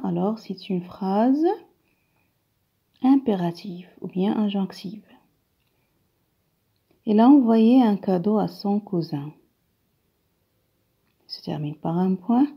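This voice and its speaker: A primary school teacher, a woman, teaches a grammar lesson, patiently repeating each phrase and often dropping to a whisper. Her medium-pitched voice is husky and creaky, slow with frequent pauses, on a dull lo-fi recording.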